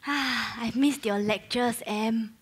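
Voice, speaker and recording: A woman's voice: on the high side, fairly even intonation, drawn-out words, slightly rough, exaggerated voice. A young woman, acting in a student play as a former mean girl who is now awkwardly and eagerly trying to be nice. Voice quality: awkward, overeager.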